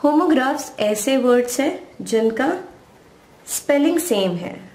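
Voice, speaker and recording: A woman's voice: high-pitched, lively intonation, a little slow, darkish tone. An Indian woman teaching English grammar, patiently explaining and spelling out words letter by letter. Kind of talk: slow explanatory lesson in Hindi-English mix.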